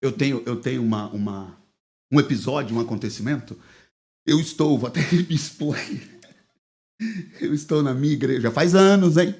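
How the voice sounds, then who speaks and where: A man with a Brazilian Portuguese accent, a pastor telling a lively anecdote on a podcast and acting out the quoted dialogue. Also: mid-range voice, moderate pace, vocal fry, pauses often. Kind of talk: casual podcast storytelling.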